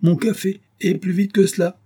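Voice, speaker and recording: A man reading aloud voices an irascible elderly professor who snaps commands and questions in a husky, mellow voice. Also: a little high, lively intonation, measured pace, pitched above the performer's own voice. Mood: demanding. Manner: imperious, snapping questions. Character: irascible elderly male professor, gruff and demanding.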